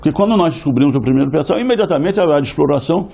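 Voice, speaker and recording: A man's voice: on the high side, expressive, racing, creaky, mellow. A man answering interview questions as a company insider, hesitant, with many restarts and tag questions.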